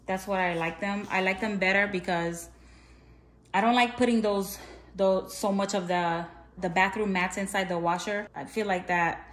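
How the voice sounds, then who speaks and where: A woman of medium pitch narrates a casual clean-with-me video, rambling and correcting herself as she shows her home and purchases. She's a home vlogger filming on a handheld phone in the kitchen and playroom of a large, bright house, and the sound is roomy.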